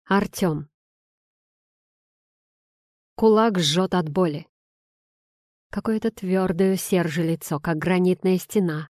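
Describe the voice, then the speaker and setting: A woman reading a first-person novel aloud, in a steady, measured way. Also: lowish voice, no echo, clean studio sound. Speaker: audiobook reader. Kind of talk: first-person audiobook narration.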